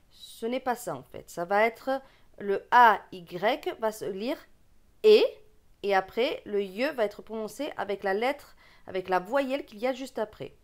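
A woman with a regional French accent teaching beginners to read, sounding out syllables and repeating each word patiently. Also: medium pitch. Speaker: reading teacher. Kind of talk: slow reading lesson for beginners.

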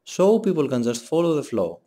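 A young man giving a scripted voice-over for a design presentation, in a measured, explanatory read. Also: fairly high pitch, big pitch swings. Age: young adult. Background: soft background music.

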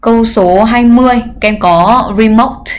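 A woman's voice: fairly high pitch, measured pace, a little hiss or hum. Patient woman teacher reviewing an exam. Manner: explains patiently, often adds "các em" and "nhá"; frequent filler hesitations. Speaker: English teacher. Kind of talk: livestream exam review lesson. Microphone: computer mic during livestream.

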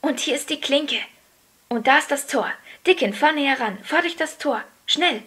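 A woman voicing a frail, bossy invalid boy who is easily excited. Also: on the high side, a little fast, close to an everyday voice.

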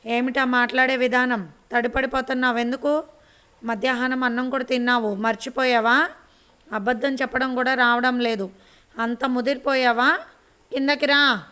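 A harsh old grandmother, put on by a woman reading a story, shouting her scolding in a raised, forceful voice. The pitch sits rather high and stays narrow, with little rise and fall. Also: level tone, normal speed, smooth. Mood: angry scolding. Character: stern angry old grandmother, head of house.

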